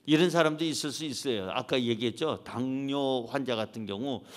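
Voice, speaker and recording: A middle-aged male pastor preaching a sermon in a church, animated and acting out voices as he goes. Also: mid-range voice, moderate pace. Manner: animated preaching, acts out voices of God and grumbling husbands. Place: church sanctuary.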